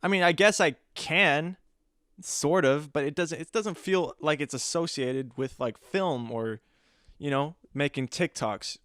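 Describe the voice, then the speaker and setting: A man's voice: a little high, unhurried, a bit bright, no room sound, clean studio sound. A young man hosting a podcast alone, rambling in a jokey, self-mocking way. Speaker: podcast host. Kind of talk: casual solo podcast chat.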